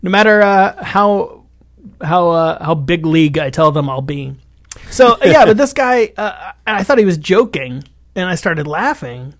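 Man, podcast co-host, casual chat, high-pitched, animated rambling stories, dry studio sound. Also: measured pace, no room sound. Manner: rambling, animated storytelling with frequent laughs.

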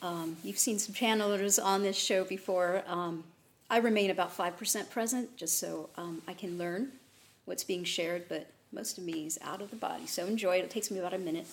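A woman appearing as a guest on a talk show. She speaks softly and sounds a bit nervous as she explains how she works. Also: on the low side, moderate pace. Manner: soft-spoken and a bit nervous. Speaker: guest channeler. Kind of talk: casual chat.

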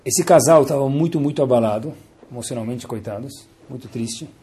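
A man giving a Torah lesson as a lively storyteller, asking his listeners rhetorical questions. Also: medium pitch, brisk, slight background noise. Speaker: religious teacher.

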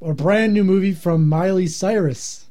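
A man's voice: high voice, moderate pace, warm tone. A man co-hosting a movie podcast in casual banter, dry and offhand, sometimes hesitant. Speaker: podcast co-host.

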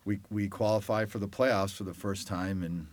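A man's voice: lowish voice, normal speed, no room sound. A man from Detroit, a former college lacrosse player, telling his story as an interview guest and acting out what others said. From Detroit, Michigan. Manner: animated storyteller who acts out quoted voices. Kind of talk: conversational storytelling.

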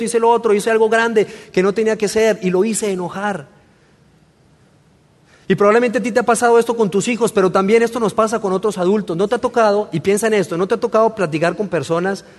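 Male pastor in his thirties, high-pitched voice, casual preaching with emphatic repetition, long hall reverb. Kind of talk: sermon.

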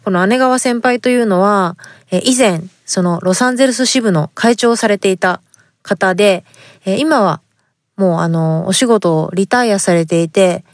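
In a dry, studio-quality recording, this podcast host speaks at normal speed with a medium-pitched voice. She's a woman from Fukuoka, Japan, reading out listener letters politely and chattily, using lots of fillers.

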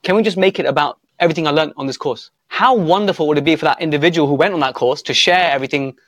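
A man with a slightly high voice talks very quickly as a podcast host. His delivery is chatty, informal and enthusiastic, and the recording is dry and close. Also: fairly bright tone, no echo.

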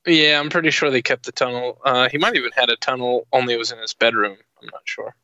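A man co-hosting a casual comics podcast, with a bright, sharp voice. He speaks in easy, agreeable remarks and pauses for short fillers. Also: medium pitch, steady tone, no echo, lo-fi sound. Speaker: podcast co-host.

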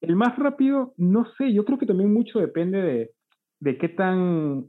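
A man, working as a mixing engineer, recalls his projects in a relaxed, slangy way and often ends his points with a question tag. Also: high voice, unhurried. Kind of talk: casual recollection. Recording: tinny phone-like line.

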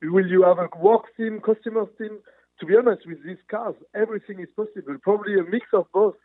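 Guest executive, male, earnest and searching for words, higher voice, dry tinny remote line. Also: steady tone, quick pace, no room sound. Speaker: motorsport manufacturer executive guest. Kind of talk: remote interview answers.

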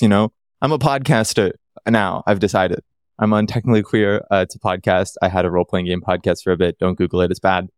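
A man's voice: on the low side, clean tone, no echo, studio quality. A man from Canada chatting as a podcast guest, rambling and joking at his own expense. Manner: rambling, self-deprecating, jokey. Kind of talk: casual chat.

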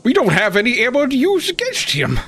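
Female amateur reader, high and highly animated, casual group read, slight background noise. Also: brisk.

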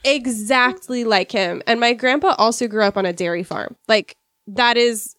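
A woman from rural Washington, USA, hosts a casual podcast discussion, chatty and sniffly from a cold, tossing in wry asides. Her voice sits on the high side with a fairly bright tone at a moderate pace, recorded at studio quality with no room sound.

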